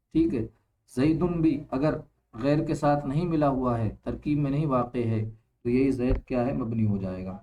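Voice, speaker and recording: A man teaching Arabic grammar who explains each point slowly, repeats himself and often checks that his students follow. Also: medium pitch, mellow, rough recording. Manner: reads Arabic text aloud, then explains it. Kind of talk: classroom-style grammar lesson.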